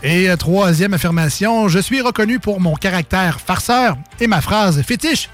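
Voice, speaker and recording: A man with a Quebec French accent and a bright, high-pitched voice hosts a casual radio game segment. He teases his co-host and laughs often. Soft music runs in the background. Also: lively intonation, moderate pace. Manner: playful, teasing, laughs often.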